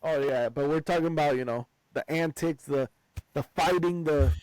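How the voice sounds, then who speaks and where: A man co-hosting a casual sports podcast, slangy and excitable, cursing casually. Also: on the high side, moderate pace, no room sound, rough recording. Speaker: podcast co-host.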